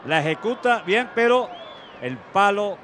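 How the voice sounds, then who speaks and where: High-pitched analyst breaking down kicks. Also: male voice, moderate pace, a little hiss or hum. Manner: calm, detailed breakdown of each kick. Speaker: color commentator. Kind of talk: football analysis commentary. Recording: broadcast with crowd and music behind.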